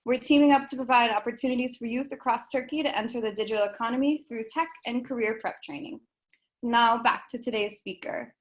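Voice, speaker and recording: A woman hosting an online interview session, reading a prepared introduction in an even, organized way over a video call. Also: fairly high pitch, a little fast. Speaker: host of an online speaker session.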